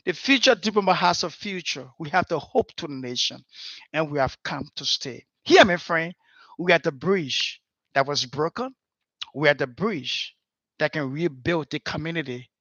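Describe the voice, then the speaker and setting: Male organization head, passionate motivational speaker; high, forceful voice, dry lo-fi sound. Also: animated, moderate pace, no echo. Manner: fervent, pleading, repeats "my friend" often. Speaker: director general of an organization. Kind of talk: impassioned motivational speech.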